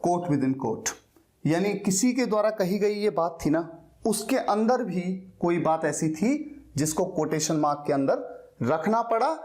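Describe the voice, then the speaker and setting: A man teaching an English lesson, explaining step by step and slowly repeating key words. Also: sits high, lively intonation, darkish tone.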